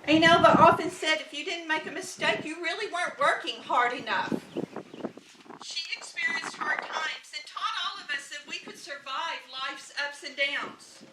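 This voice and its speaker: A woman reading a heartfelt funeral tribute at a graveside in measured, deliberate phrases. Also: sits high. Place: outdoor graveside, far from microphone. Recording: distant, echoey, faint background noise.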